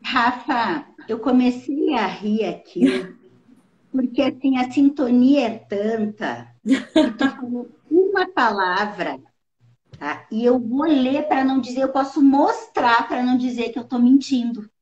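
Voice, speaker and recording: High-voiced woman hosting a live chat. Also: a little slow. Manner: lively, swoops widely in pitch while explaining. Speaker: live show host. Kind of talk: casual live-stream conversation. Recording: roomy, slightly dull live-stream audio.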